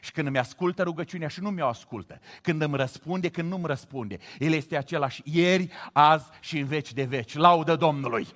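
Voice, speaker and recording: A middle-aged man from Romania preaching a sermon, moving from quiet reflection to loud exclamations. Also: a little high, hardly any pauses. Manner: animated, swings from hushed to loud exclamations.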